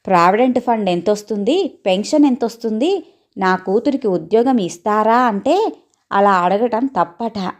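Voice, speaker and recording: A sharp-tongued middle-aged mother in a spoken storybook, voiced by a woman narrator. She scolds loudly and curses at anyone who crosses her. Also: medium pitch, animated, normal speed, close to an everyday voice. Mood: scolding. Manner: loud, scolding, cursing.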